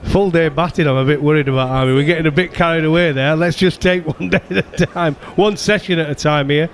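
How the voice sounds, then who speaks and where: A man chatting quickly and casually as a cricket pundit. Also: on the high side, steady tone, a little hiss or hum. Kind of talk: casual chat.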